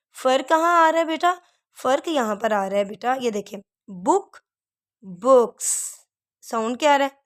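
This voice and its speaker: Slow, patient woman teacher. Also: on the high side. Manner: patient, calls the learner "beta", drills words by repeating them slowly. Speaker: English teacher. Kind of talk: recorded classroom lesson.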